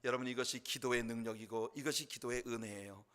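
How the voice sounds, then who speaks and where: A man preaching a sermon as pastor, moving from calm teaching to loud, impassioned passages where he acts out people praying. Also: mid-range voice, fast. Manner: builds from calm teaching to shouted, impassioned acted-out prayers; reads scripture aloud with the congregation.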